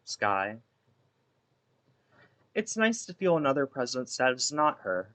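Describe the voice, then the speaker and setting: Heavily acted and brooding, this performance features a man voicing a jailed female ex-pitcher consumed by guilt, in a wistful, theatrical monologue that wanders and cuts itself off. He speaks slowly in a sing-song way, his voice pushed and bright.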